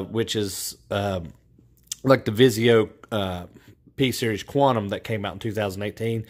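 Frustrated rambling man in a casual vlog. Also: lowish voice. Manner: rambling, frustrated, many fillers and restarts. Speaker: TV tech YouTuber.

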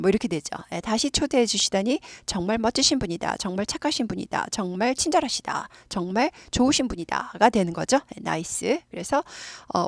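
A woman's voice: mid-range voice, vocal fry, no room sound, clean studio sound. Korean woman teaching English, patient drills. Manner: patient, repeats words many times for practice. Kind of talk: explaining grammar and leading repeat-after-me drills.

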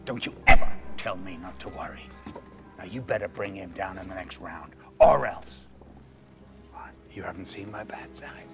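An actor playing a blustering, threatening defense lawyer with a spiteful, bullying delivery. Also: male voice, sits low, expressive, moderate pace, gravelly, music in the background. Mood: menacing.

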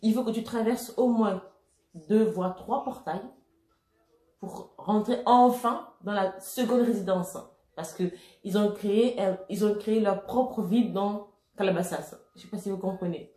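A woman vlogger chatting casually and excitably while unboxing skincare products, laughing often and using many fillers. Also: mid-range voice, a little slow. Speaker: beauty vlogger. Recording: echoey room.

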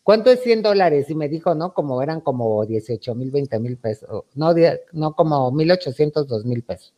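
A man's voice: mid-range voice, moderate pace, muffled recording. A man with a Mexican accent telling a playful, chatty story to his audience, acting out the quoted lines. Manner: chatty, playful, campy, calls the audience "hermanitas". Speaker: YouTuber host. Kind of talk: storytime monologue.

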